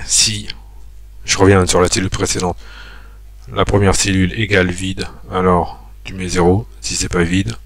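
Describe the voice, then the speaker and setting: A deep-voiced man narrates a spreadsheet screen recording, guiding viewers through the steps while thinking aloud with plenty of pauses and fillers. There's no echo.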